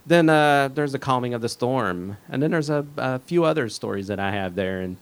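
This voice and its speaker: A man's voice: mid-range voice, expressive, normal speed, clear, resonant tone. A middle-aged man, a guest chatting in an interview with many fillers and restarts. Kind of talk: casual interview chat.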